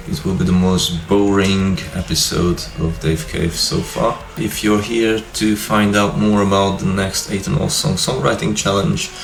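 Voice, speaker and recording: A man in his fifties, originally from Hungary, hosting his own vlog and telling his life story in a relaxed, rambling way. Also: low-pitched, vocal fry. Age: 50s. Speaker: YouTube channel host. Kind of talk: casual personal vlog talk. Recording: echoey room with music behind.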